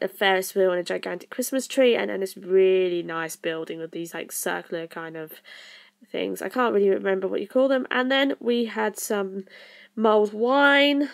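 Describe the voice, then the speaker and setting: A young woman narrating her own travel vlog in a casual voice-over, rambling with lots of fillers and self-corrections. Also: medium pitch. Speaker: vlogger.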